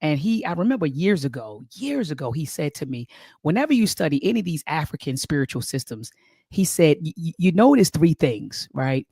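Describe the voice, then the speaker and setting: Very animated and fairly quick, this middle-aged woman has a low, dark, husky voice, recorded dry with clean studio sound. An American spiritual speaker from Baltimore County, Maryland, she appears as an interview guest telling personal stories conversationally, stressing points, repeating phrases, and checking in with listeners.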